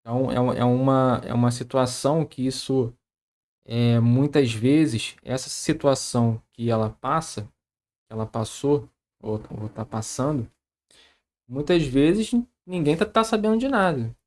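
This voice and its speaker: A co-host on a live stream explaining a point in a measured, explanatory way, closing sentences with "tá?". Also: medium pitch, a little mellow.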